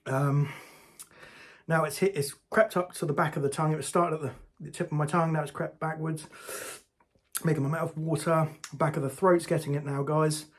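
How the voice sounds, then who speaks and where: A man's voice: on the high side, steady tone, moderate pace. A man hosting a casual hot sauce review vlog, talking straight to his viewers in a chatty way.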